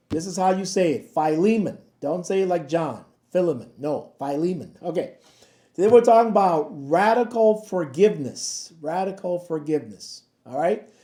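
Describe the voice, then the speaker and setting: A man's voice: fairly high pitch, mellow. A man, a pastor, giving a daily devotional Bible talk to the camera, chatty and often checking in with his listeners. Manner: conversational, keeps checking in with "okay?" and "right?". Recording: echoey room.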